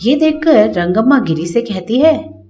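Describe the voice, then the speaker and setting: A woman's voice: on the high side, animated, measured pace, over music. Woman narrating a bedtime story.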